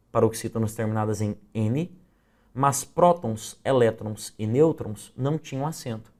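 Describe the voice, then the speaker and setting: A middle-aged man with a Brazilian accent leads an exam review lesson. His voice sits at an ordinary mid pitch. He works through the rules methodically and walks through each example in turn. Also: a little mellow. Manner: methodical, explaining step by step with examples. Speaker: teacher.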